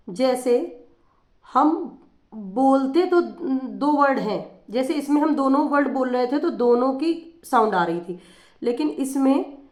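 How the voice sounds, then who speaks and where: A woman's voice: high voice, roomy sound. A woman teacher explaining phonics in a patient lesson, repeating examples as she goes.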